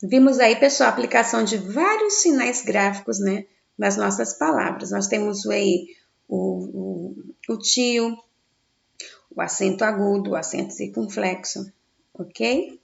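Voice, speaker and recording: A woman teacher giving a recorded grammar lesson for children in Brazilian Portuguese, sounding out stressed syllables slowly and answering her own questions. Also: mid-range voice, creaky. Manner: slow, stressed syllables when sounding out words; asks the class questions and answers them herself. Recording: dull, echoey room.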